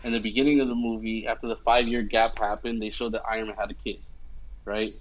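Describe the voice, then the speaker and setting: A man's voice: on the low side, quick pace, muffled recording. A young man casually retelling a film scene by scene, with lots of fillers and check-ins with his listener. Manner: animated storytelling with many fillers and "you know what I mean". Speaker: movie fan recapping a film. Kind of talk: casual chat.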